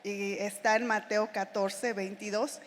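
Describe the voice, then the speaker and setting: A woman missionary with a Mexican accent giving a conversational sermon, often checking in with her listeners through quick tag questions. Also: medium pitch, flat delivery. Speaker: missionary preacher. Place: church hall. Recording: long reverb of a church hall.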